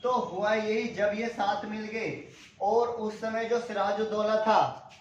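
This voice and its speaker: Male tutor, high voice, quizzing style; dull lo-fi recording in a boomy room. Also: steady tone, slow pace, a little hiss or hum. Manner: asks questions and answers them himself, repeats key names. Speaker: teacher. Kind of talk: exam-prep history lecture. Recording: echoey room, dull lo-fi sound.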